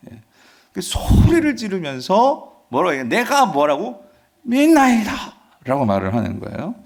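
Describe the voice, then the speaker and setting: Male pastor, sermon, call-and-response questions, loud scripture reading, soft asides, highish voice, very lively pitch. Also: slightly rough. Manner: asks the congregation questions and answers them. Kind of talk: Friday revival-service sermon.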